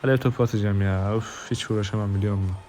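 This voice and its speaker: A Turkish-accented man commentating his mobile game casually, cursing and yelling when frustrated. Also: fairly low pitch, steady tone, fast talker, faint music behind. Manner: swearing, yells in frustration. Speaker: gaming streamer.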